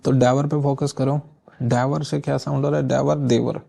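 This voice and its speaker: Gravelly-voiced man teaching vocabulary. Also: medium pitch, little pitch movement, moderate pace, mellow. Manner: often adds filler checks like "theek hai". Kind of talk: casual exam-prep vocabulary lesson.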